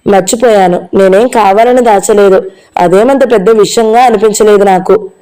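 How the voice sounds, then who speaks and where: A woman's voice: mid-range voice, moderate pace, dark tone, natural voice, low-quality recording. A woman reading the lines of a curt, dismissive husband in an audio novel, in her own voice.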